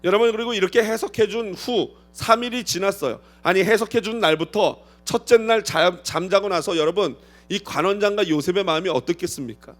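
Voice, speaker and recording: A male pastor preaching an expository sermon, posing rhetorical questions to the congregation and acting out quoted voices with sudden swings in loudness. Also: sits high, brisk, faint music behind.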